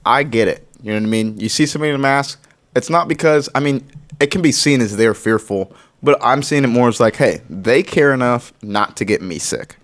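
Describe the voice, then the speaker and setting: A man's voice: mid-range voice, fairly quick. A young man co-hosting a podcast in laid-back casual chat, swearing freely and laughing often. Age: young adult. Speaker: podcast co-host.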